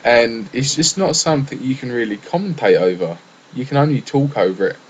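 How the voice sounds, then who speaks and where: A man's voice: mid-range voice, lively intonation, a little fast, muffled recording, a little hiss or hum. A young English man rambling casually through a solo gaming podcast, full of fillers and restarts. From England.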